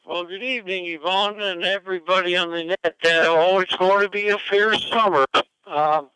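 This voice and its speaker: A man checking in casually to an amateur radio net over a two-way radio, measured and polite. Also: sits high, fairly even intonation, bright, forceful tone, clean tone, no echo, poor audio. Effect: two-way radio transmission.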